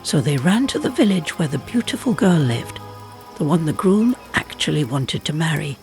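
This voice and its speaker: Over music, a male storyteller narrates a folk tale at a moderate pace. His slightly high voice is dramatic and expressive, moving up and down in pitch.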